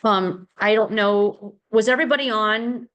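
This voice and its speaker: A woman's voice: medium pitch, measured pace, fairly bright tone. A middle-aged woman leading a casual real estate team training, chatty and rambling, with many fillers and restarts.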